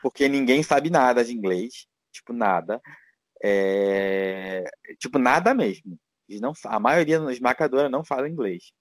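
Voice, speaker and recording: A man's voice: mid-range voice, animated, moderate pace, no echo. A Brazilian man, a guest in a casual interview, talking in a rambling way with many fillers and restarts. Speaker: guest, teacher living abroad.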